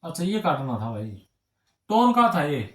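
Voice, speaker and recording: His fairly high voice has a sing-song lilt and a normal speed, captured with a roomy sound. The male teacher explains exam reasoning problems on a whiteboard, repetitively checking "ठीक है ना" and calling his students brother and friends.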